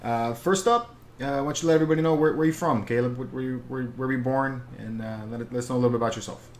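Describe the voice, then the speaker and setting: A man's voice: mid-range voice, fast talker. An older man hosting an interview, who reads an introduction and then asks loose, upbeat questions, sometimes stumbling over his words. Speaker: interview host. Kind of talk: scripted introduction and casual questions. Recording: echoey room, faint noise.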